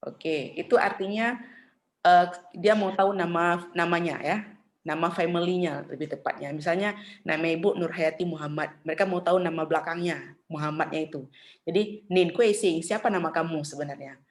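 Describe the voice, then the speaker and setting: A middle-aged woman with a lowish voice and fairly even intonation teaches Mandarin in an online class. Chatty and patient, she says the tones slowly so her students can copy them.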